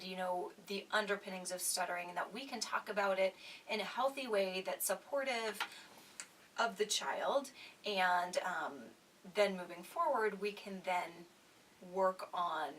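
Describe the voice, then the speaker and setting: A woman co-hosting a panel on stuttering, thoughtful and soft-spoken, with breathy trailing phrases. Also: medium pitch, far from the mic, a little hiss or hum, rough recording. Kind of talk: casual panel discussion.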